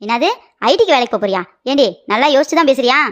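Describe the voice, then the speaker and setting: A woman voicing a sharp-tongued, scolding middle-aged mother-in-law in a cartoon comedy. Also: sits high, lively intonation. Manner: rapid scolding and mocking.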